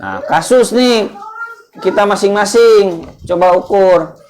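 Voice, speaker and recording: A man's voice: sits high, slow, a little mellow, slight background noise. A man giving a casual religious lesson at a home gathering, talking in a conversational way and quizzing his listeners with questions. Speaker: ustaz teaching a religious study group.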